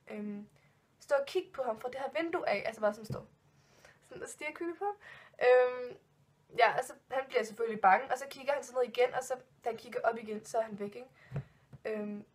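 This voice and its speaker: A woman vlogger in her twenties, her voice a little high with a breathy edge, tells ghost stories in a casual vlog. She rambles with many fillers and restarts, sounding spooked and giggling nervously.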